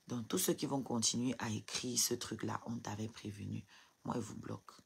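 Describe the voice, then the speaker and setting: A woman's voice: rumbling low, fairly even intonation, normal speed, vocal fry, breathy edge. A woman crying as she talks on a live stream into her phone, firing defiant rhetorical questions at her viewers. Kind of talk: emotional live stream rant.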